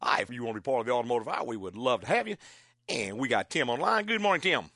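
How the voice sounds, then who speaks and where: Bright-voiced male car radio host. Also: medium pitch, lively intonation, very fast, dry recording, studio quality. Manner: folksy, courteous. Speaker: radio call-in host, auto mechanic. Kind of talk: conversational call-in advice.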